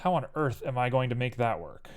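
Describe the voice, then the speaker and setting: A man's voice: medium pitch, lively intonation, a little fast, clean tone. A young man streaming while he 3D models, muttering to himself in a playful, rambling way. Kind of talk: casual livestream commentary while 3D modeling.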